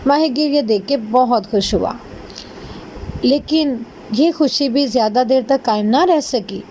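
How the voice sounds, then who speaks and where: Female narrator, high voice, gentle expressive kids' storytelling. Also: a little hiss or hum.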